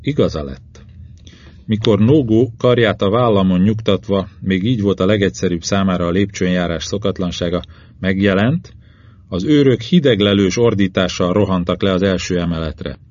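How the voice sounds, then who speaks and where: A man narrating a first-person novel as an audiobook reader, measured and steady. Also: low voice, muffled recording.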